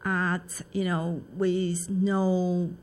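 Taiwanese woman speaking halting English. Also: fairly low pitch, flat delivery. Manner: halting non-native English, short agreeing replies. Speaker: guest, charity founder. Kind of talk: interview answers.

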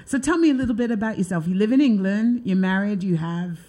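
A woman's voice: medium pitch, fast, warm tone. A woman hosting a talk show, chatting loosely with lots of filler words. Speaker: show host. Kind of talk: casual interview chat.

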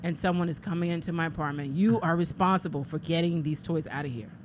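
A woman guest on a talk radio show, chatting in a relaxed, conversational way. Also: low voice, quick pace, slight background noise. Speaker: guest, business founder. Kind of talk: casual radio interview.

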